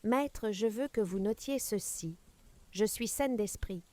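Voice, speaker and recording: A woman voicing an elderly matriarch who speaks hoarsely, in a cold, commanding tone, articulating every syllable. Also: medium pitch, takes it slowly, darkish tone, lightly acted. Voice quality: hoarse, gravelly.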